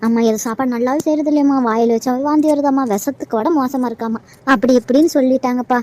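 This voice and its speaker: A woman's voice: high voice, steady tone, fast, a little mellow, natural voice. A woman voicing a protective young daughter in an amateur cartoon, speaking in a pleading, indignant way.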